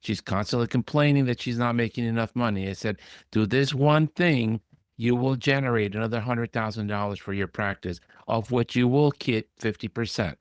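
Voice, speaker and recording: A man who is a physician hosting a podcast, talking bluntly in casual conversation and mimicking others in a high whine. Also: moderate pace, clear, resonant tone, no echo, clean studio sound.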